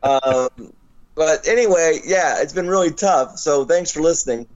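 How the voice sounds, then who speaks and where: A man with a gravelly, hoarse, sleep-deprived smoker's voice in casual, self-deprecating sports talk. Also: fairly high pitch, lively intonation, measured pace, muffled recording. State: hoarse, worn out from lack of sleep. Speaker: sports writer and podcast panelist.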